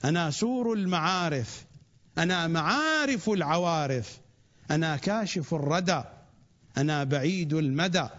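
A man with a high voice recites in a steady, chant-like rhythm, repeating the same opening on line after line. His delivery is measured and devotional. The recording sounds dull and lo-fi. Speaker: religious reciter. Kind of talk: rhythmic recitation of a rhymed sacred text.

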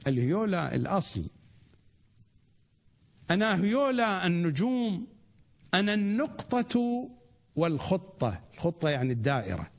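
A man reciting a rhymed sacred text in a steady, chant-like cadence, opening each line the same way and pausing to explain terms. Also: high-pitched. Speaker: religious reciter. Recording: dull lo-fi recording.

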